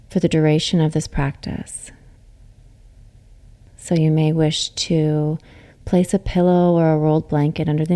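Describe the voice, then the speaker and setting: With a low-pitched voice, a woman leads a yoga nidra relaxation in an unhurried, soothing manner. Her gentle phrases finish soft and breathy.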